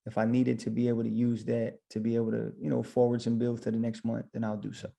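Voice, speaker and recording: Gravelly-voiced man telling his story. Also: mid-range voice, monotone, fast, warm tone. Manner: rambling, retells his own thoughts as quotes. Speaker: podcast guest, barber and shop owner. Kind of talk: casual storytelling interview.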